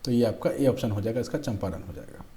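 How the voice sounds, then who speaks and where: A man's voice: medium pitch, fast, warm tone. A young man teaching exam-prep history, patiently reading out quiz options and answers. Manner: patient, repeats "ठीक है", reads options aloud. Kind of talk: explaining quiz questions.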